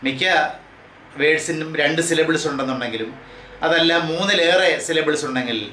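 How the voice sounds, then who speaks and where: A man teaching English grammar to exam students. He reads rules out slowly and drills word forms one by one. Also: a little high, sharp tone, roomy sound, a little hiss or hum, poor audio. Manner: reads English rules out slowly, then explains them at a quicker pace. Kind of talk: classroom lecture for exam students.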